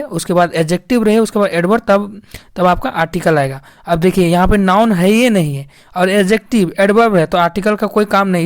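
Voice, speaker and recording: A woman's voice: medium pitch, no room sound. Woman teaching grammar, dry close sound. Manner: repetitive, addresses viewers as friends. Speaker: English teacher. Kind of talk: explaining grammar lesson.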